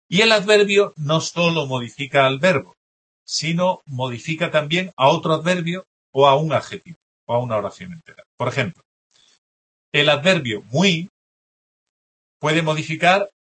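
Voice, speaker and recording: A man's voice: on the high side, a bit bright, breathy edge. A man teaching a language class, explaining test answers and often checking in with students. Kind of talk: classroom lecture going over test answers.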